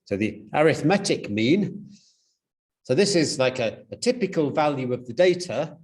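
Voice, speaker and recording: A man's voice: mid-range voice, very animated, brisk. A man giving a university lecture, explaining step by step, with frequent fillers and restarts.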